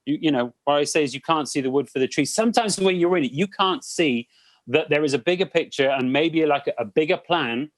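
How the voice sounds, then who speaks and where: A man giving conversational interview answers as a cruise director, telling anecdotes in an animated way and acting out quoted remarks. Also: fairly high pitch, fairly quick, no room sound.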